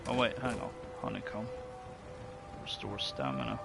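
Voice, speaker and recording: A man's voice: lowish voice, big pitch swings, moderate pace, creaky. A man giving casual let's play commentary, musing and thinking aloud in a hesitant way. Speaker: gaming video host. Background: game music.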